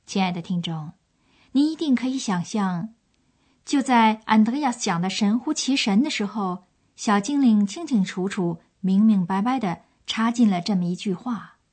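A woman's voice: medium pitch, moderate pace, a little mellow. A woman presenting a language course with scripted, explanatory storytelling narration.

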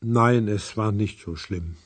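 An actor playing a hard-of-hearing older man in a scripted language-lesson dialogue, with a husky voice. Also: on the low side, very slow. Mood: friendly.

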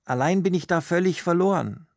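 Male narrator doing a chatty, oblivious husband, gravelly and dry. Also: sits high, fairly quick, no echo, pitched above the performer's own voice. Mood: breezy. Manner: breezy, joking. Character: cheerful husband, teasing and oblivious.

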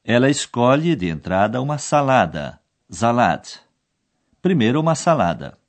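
A man's voice: medium pitch, big pitch swings, unhurried. A man narrating a language course in scripted style, explaining each scene and repeating the key foreign words.

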